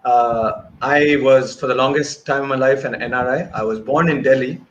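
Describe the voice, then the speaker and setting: Speaking at a moderate pace with medium pitch, this thirty-something guest filmmaker chats about his career during a remote interview. Raised in Bahrain and Malaysia, he talks through wired earphones from an indoor room, and the video-call sound is noisy and muffled.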